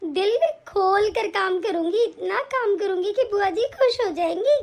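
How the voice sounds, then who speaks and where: A woman's voice: very high-pitched, measured pace, a little mellow. A woman voicing an earnest, hardworking young village girl in a cartoon, who muses aloud to herself. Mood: amazed. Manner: earnest, wondering, talks to herself. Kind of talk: cartoon voice acting.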